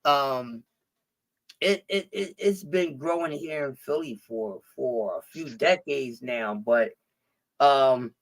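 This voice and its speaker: Slow and mid-range in pitch, this Philly stream guest keeps the chat casual, swearing constantly, rambling and restarting his sentences again and again.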